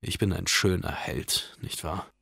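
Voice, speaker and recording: A man's voice: deep voice, steady tone, measured pace, creaky, sharp tone, slightly rough, dry recording, heavily acted. A man reading an audiobook, voicing a frightened but stubborn young man in a voice close to his own.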